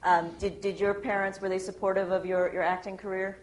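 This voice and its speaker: A woman's voice: mid-range voice, flat delivery, brisk. A woman moderating a panel, asking polite questions with small restarts. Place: conference hall. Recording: echoey hall, faint noise.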